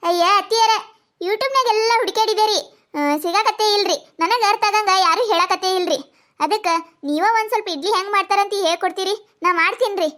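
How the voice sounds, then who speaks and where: A woman's voice: very high voice, fairly quick, fairly bright tone. A woman voicing a scheming, phone-obsessed young daughter-in-law in a cartoon comedy, whiny and melodramatic, with a North Karnataka accent. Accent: North Karnataka Kannada.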